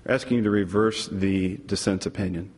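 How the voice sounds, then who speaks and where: A man speaking as an appellate lawyer, delivering a formal but somewhat halting oral argument in court. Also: low voice, fairly even intonation, a little mellow. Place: large courtroom. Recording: reverberant courtroom.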